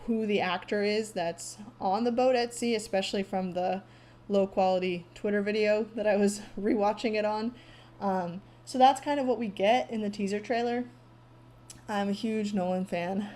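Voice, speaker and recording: A woman casually recapping a trailer on her own, pausing often with ums and thinking aloud. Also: mid-range voice, warm tone. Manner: frequent ums, halting, thoughtful. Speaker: vlogger recapping a movie trailer.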